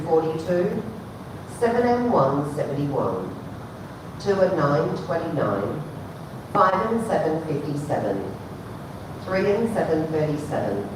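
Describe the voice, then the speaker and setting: A woman calls bingo at a slow, measured pace in a slightly low voice. Each call follows a sing-song formula, digits first and then the number, falling at the end. The sound is heavily echoing and noisy. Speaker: bingo caller. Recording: very echoey, distant, noisy hall PA.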